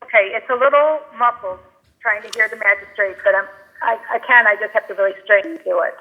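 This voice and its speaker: A woman's voice: medium pitch, quick pace. Muffled woman over a speakerphone. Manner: hesitant, repeats words. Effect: muffled voice over a speakerphone, like through a wall. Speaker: property owner testifying by phone. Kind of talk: hearing testimony. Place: remote caller heard over a hearing-room speaker. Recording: tinny phone line on a speaker.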